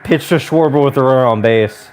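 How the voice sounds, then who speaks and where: A man's voice: mid-range voice, fairly quick, a little hiss or hum. A man in his late thirties doing casual live-stream commentary on a baseball game, chatty and muttering with restarts, on a clip-on mic. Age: 30s. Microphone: magnetic clip-on mic.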